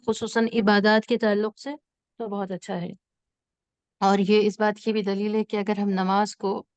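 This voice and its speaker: A woman teaching an Arabic lesson as an online class, explaining slowly and repeating words for emphasis. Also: medium pitch, darkish tone, no room sound, dull audio.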